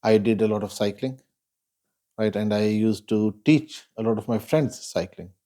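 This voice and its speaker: Guy telling his life story in an interview, soft mellow voice, slow and thoughtful with lots of pauses. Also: fairly low pitch, steady tone. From Pakistan. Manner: measured and reflective, pausing often. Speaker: guest.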